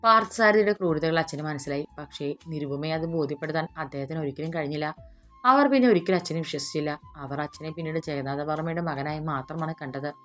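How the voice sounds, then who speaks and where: A woman voicing a steady young man who speaks calmly and earnestly in an audiobook story. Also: deep voice, brisk, faint music behind. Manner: calm, earnest, soothing.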